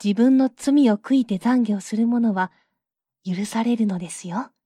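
A woman reading as a gentle, stern Virgin Mary. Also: a little high, expressive, normal speed, dry recording.

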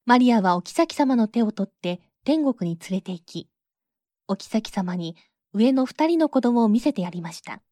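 Woman storyteller, calm measured read, mellow fairly high voice, dry close sound. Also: no echo. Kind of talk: storybook narration.

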